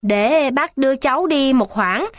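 A kindly older locksmith gives gentle, patient directions, as a woman reads him. The voice sits fairly high and sounds close and dry. It is a storybook reading. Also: animated, measured pace, no echo.

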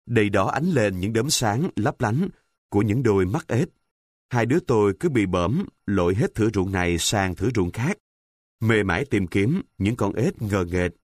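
A man narrating a story in a calm, measured, descriptive reading. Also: fairly low pitch, no room sound, clean studio sound.

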